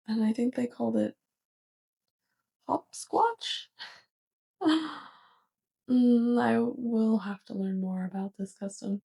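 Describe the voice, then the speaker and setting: Playing an alien roommate for ASMR, a woman sounds curious, polite, and awkward, her soft speech stilted, over-formal, and hesitant. The voice is fairly high, creaky, and breathy-edged, with an exaggerated delivery.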